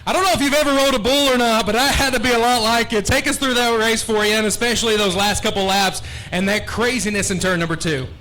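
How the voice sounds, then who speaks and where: A man working as a race track announcer, interviewing drivers after a race with a booming showman manner at an outdoor dirt track. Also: steady tone, fast talker, few pauses, bright, forceful tone. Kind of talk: post-race interview commentary.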